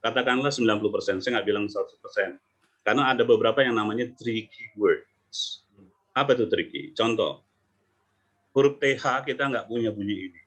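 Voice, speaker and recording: A man coaching English pronunciation online, talking lively and sounding out letters and words over a video call. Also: fairly low pitch, brisk. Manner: lively, demonstrating sounds aloud. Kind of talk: online teaching talk.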